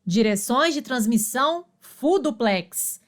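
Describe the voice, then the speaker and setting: A woman's voice: on the high side, lively intonation, slow pace. A woman reading study notes as scripted narration, saying terms and examples in short phrases.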